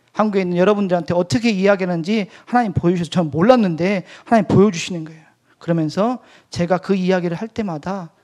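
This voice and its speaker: Man, pastor, high voice, sermon testimony, dramatic storytelling, loud then whispering. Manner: animated storytelling that swings between loud outbursts and hushed whispers. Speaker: pastor and missionary. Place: church evening service.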